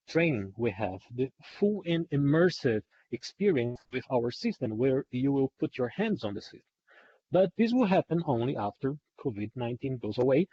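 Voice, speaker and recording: Here the webinar presenter, a man whose first language isn't English, sounds mellow and husky at a medium pitch. He keeps restating points for emphasis over dull, lo-fi online audio.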